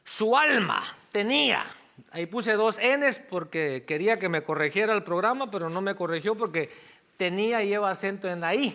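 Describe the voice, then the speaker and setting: A man's voice: high voice, normal speed, sharp tone. A male pastor preaching a Sunday sermon in a conversational way, with asides and self-corrections.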